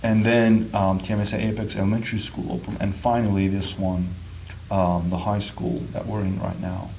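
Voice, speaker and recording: A very low, dark-toned man from Turkey answers interview questions at a school, with faint noise behind him. He speaks natively and talks in a hesitant way, leaning on frequent ums as he gathers his thoughts. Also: little pitch movement, normal speed, vocal fry, low-quality recording. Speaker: school marketing coordinator. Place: school building.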